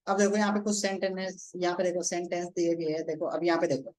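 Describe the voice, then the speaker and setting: A man's voice: high voice, flat delivery, a little mellow. Male coach teaching an online class, repeats points, keeps checking his listeners follow. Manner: repeats phrases, explains slowly step by step. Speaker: motivational coach. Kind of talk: live online training lesson.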